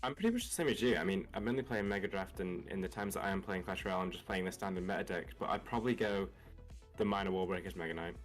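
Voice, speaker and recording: A man with a low voice and a general English accent with a hint of Australian twang talks quickly as an esports co-caster. He breaks down matchups in an analytical way. Faint music runs behind him. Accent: general English with a slight Australian twang. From England, raised in Australia from about twelve. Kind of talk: live esports analysis commentary.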